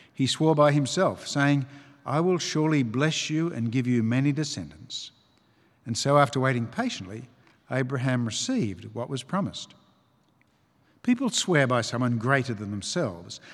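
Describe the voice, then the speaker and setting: Male reader, mid-pitched, measured scripture reading with expressive quotes, echoing church sound. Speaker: Bible reader. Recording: long reverb of a church.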